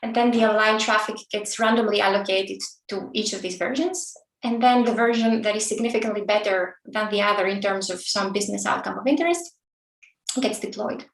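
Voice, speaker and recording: A woman's voice: mid-range voice, brisk, creaky, recorded from a distance. A woman in her thirties from Greece presents a technical talk over a video call, friendly and peppered with fillers and restarts. She sits a little back from the mic in a roomy space with an echo. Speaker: conference speaker.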